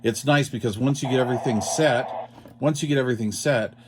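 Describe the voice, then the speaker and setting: Brisk and medium-pitched, a radio product demonstrator gives an informal, tutorial-style walkthrough with background noise behind him. He explains each step and checks in frequently with "all right" and "okay."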